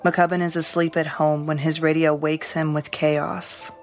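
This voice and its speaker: A woman narrating a true-crime podcast in a steady, measured, scripted way. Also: low voice, faint music behind.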